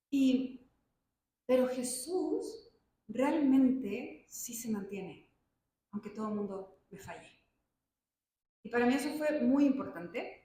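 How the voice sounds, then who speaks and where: A woman's voice: on the high side, dark tone. Chatty woman in an echoing room. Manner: chatty, anecdotal storytelling with asides and acted-out quotes. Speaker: consecrated woman giving a vocational testimony. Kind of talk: personal testimony talk to a group. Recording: very echoey room sound.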